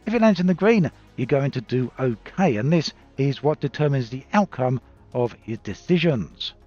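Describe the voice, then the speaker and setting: A man reviewing a video game in a measured, explanatory way, recorded on a cheap stand-in microphone with low audio quality. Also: expressive, warm tone, soft background music. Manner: measured, explanatory, occasional fillers. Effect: low-quality audio from a cheap stand-in mic. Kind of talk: scripted game review commentary. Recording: dull lo-fi cheap mic recording.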